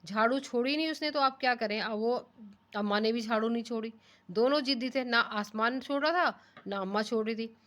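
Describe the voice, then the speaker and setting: A woman with a fairly high, fairly bright voice teaches a primary class a children's story. She reads it line by line, slowing down for the text and rereading lines, then retells them in simpler words while constantly asking the children rhetorical questions.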